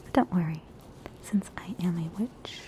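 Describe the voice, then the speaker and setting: Here the witch doctor roleplay comes in a lowish, fairly everyday-sounding voice, with background noise in the recording. The Australian woman whispers slowly, soothing and reassuring, with a touch of haughtiness in her gentle bedside manner.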